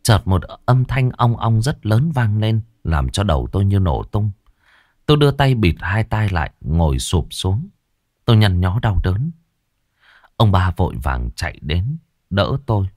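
A man narrates a ghost story in a very deep voice that rises and falls with lively, wide swings of pitch. He tells it slowly and with suspense, and the recording sounds dry and close. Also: dry recording. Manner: slow, suspenseful and expressive.

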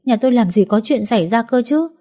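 A woman's voice: on the high side, expressive, fast, dark tone, voice pushed up, lightly acted. A woman doing a wailing, grief-stricken village mother. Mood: disbelieving. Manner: sobbing, pleading. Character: grieving village mother, wailing for her husband.

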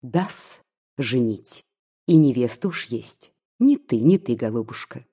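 A reader voicing a spiteful, gossiping old maid who mocks and pries, with a husky, mellow voice. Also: mid-range voice, lively intonation, slow pace, pitched below the performer's own voice. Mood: mocking. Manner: mocking, scolding, prying.

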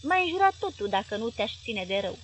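A woman reading an audiobook plays a wife with a sugary, coaxing voice, pitched high and pleading as she reasons with her husband. Her lines come loud and lively. A faint hiss lies behind the voice.

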